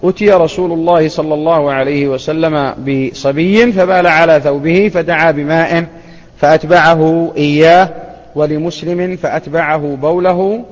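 A man giving a religious lesson, explaining a classical text in a measured way, pausing and correcting himself at times. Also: on the high side, fairly even intonation. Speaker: Islamic scholar teaching hadith. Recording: dull lo-fi sound with long reverb.

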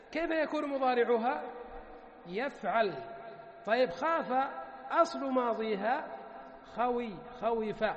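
A man teaching Arabic grammar one-on-one, patiently quizzing his student with repeated questions and drawing out word forms slowly. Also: extremely high pitch. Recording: muffled, echoey room with long reverb.

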